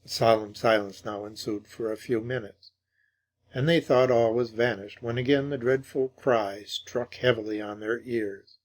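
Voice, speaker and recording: A man narrating a classic ghost story in measured, dramatic audiobook style. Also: mid-range voice, fairly even intonation.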